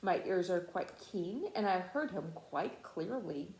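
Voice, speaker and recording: Woman voicing an earnest, kindly storybook elephant, swooping pitch. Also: expressive, takes it slowly, a little mellow, reverberant, poor audio. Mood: earnest pleading. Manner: emphatic, sincere pleading. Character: kindly earnest big male elephant, protective and pleading.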